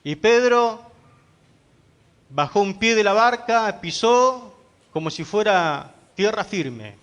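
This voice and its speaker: A man's voice: sits high, expressive, slow pace, a bit bright, lo-fi sound. A man pastor preaching a sermon, emphatic, asking the congregation rhetorical questions.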